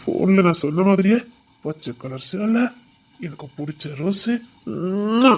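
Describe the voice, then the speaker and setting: A woman's voice: medium pitch, fast, natural voice. A woman voicing a drunk, possessive young husband who slurs and insists. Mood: drunk pleading.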